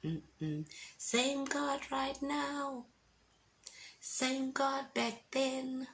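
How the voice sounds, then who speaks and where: A woman's voice: sits high, very slow, a bit bright. A woman, giving an emphatic, encouraging faith testimony in a casual vlog. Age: 50s. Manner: emphatic and encouraging, preachy asides.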